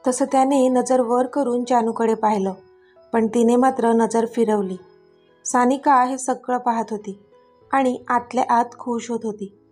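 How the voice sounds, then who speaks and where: A woman storyteller reading a serialized romance. Her narration is expressive and dramatic, in a slightly high voice. Faint background music plays throughout. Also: unhurried.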